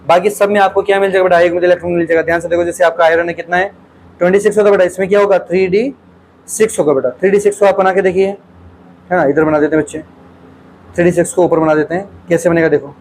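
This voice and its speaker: A man's voice: high-pitched, fairly even intonation, very fast, darkish tone, slight background noise, poor audio. A male teacher solves exam questions aloud in a lecture, keeps calling his students "beta", and asks questions and repeats the answers.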